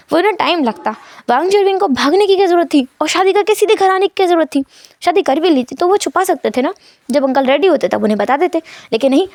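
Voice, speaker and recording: A woman's voice: sits high, darkish tone, no echo, clean studio sound. A woman narrating a fan fiction story and acting out the quarrelling characters' dialogue herself.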